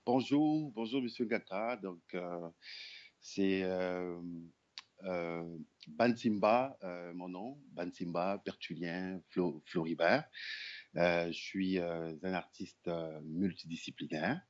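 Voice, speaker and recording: Very deep-voiced hesitant man. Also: slow pace, lo-fi sound. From Republic of the Congo. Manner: hesitant, many fillers and restarts. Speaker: guest, actor, puppeteer, storyteller. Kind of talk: interview answers.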